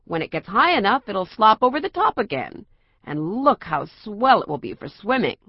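An eager older boy from a storybook , voiced by a woman, who teases his younger siblings with cheer. His lines bounce up and down with excitement. The sound is dry and slightly muffled. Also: medium pitch, normal speed, no echo. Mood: eager teasing. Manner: enthusiastic, teasing.

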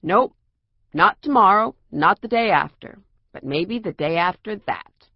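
An eager older boy from a storybook , voiced by a woman, who teases his younger siblings with cheer. His lines bounce up and down with excitement. The sound is dry and slightly muffled. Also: lowish voice, unhurried, gravelly, dry recording, full character voice. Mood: eager teasing. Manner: enthusiastic, teasing.

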